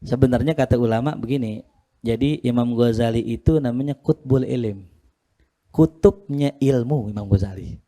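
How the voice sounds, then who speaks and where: A male Islamic teacher lectures his students in a relaxed, joking manner. His voice is mellow and of middling pitch. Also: moderate pace. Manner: casual, jokey, teasing his students. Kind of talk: religious study lesson.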